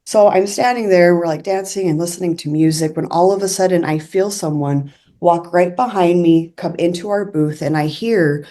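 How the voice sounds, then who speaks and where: A woman's voice: lowish voice, normal speed, hardly any pauses, mellow. A young woman casually telling a personal story in an earnest, confiding way, full of "like" fillers. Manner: chatty, many fillers like "like" and "I'm like".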